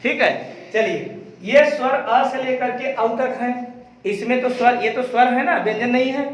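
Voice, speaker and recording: A man's voice: very high-pitched, moderate pace, slight background noise. A male teacher, drilling his class with call-and-response questions. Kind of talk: classroom lesson. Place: echoey classroom. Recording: very echoey classroom, far from mic. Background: students answering in chorus.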